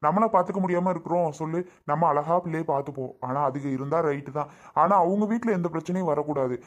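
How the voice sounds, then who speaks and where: Man in a family skit, talks fast, calm and reasoning. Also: fairly high pitch. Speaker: skit actor.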